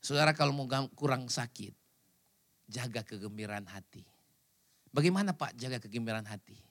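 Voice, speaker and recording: A man preaching a lively, humorous sermon as pastor, joking with the congregation and mixing in English words. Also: mid-range voice, moderate pace.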